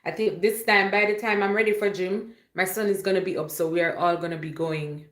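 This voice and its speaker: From an indoor room at home, a woman livestreams, casually and playfully rambling to her viewers in a lowish, fairly bright voice. She talks fairly quickly with fairly even intonation, and the audio echoes around the room.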